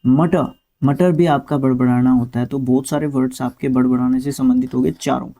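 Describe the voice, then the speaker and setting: Male, middle-aged, Indian English accent, warm low-key teacher tone, repetitive explaining. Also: fairly quick. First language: Hindi. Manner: steady explaining tone, repeats each word several times with frequent "theek hai". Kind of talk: online vocabulary lesson.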